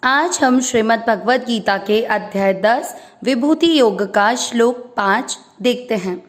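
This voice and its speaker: A high-pitched woman walks through a recitation lesson at an unhurried pace. She breaks each word into syllables and draws the sounds out patiently. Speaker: Sanskrit recitation teacher. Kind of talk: slow syllable-by-syllable pronunciation lesson.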